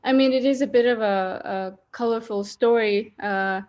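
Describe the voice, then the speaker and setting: A woman's voice: fairly high pitch, moderate pace, muffled recording. A woman in her thirties from Estonia, a podcast guest speaking candidly and reflectively, with many ums. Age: 30s. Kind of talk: podcast interview.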